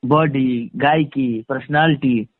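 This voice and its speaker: Speaking over a phone line, a male interview guest is conversational yet emphatic, repeating phrases for stress. His mid-range voice moves slowly. The tinny, band-limited call audio has no room sound.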